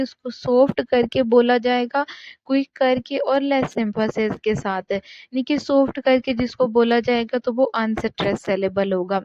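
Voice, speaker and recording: A woman's voice: high-pitched, a little mellow, dry recording. A woman teaching an English lesson, patient and repetitive, mixing Hindi and English. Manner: slow, patient, repeats points with "theek hai". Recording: dull lo-fi.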